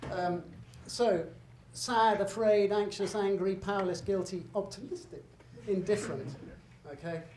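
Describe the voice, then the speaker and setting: A man's voice: high voice, a little slow, few pauses, a little mellow. Man lecturing in an echoey hall. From Britain. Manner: conversational and emphatic, with asides and self-corrections. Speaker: guest lecturer. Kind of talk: public lecture with slides. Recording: echoey hall, faint room noise.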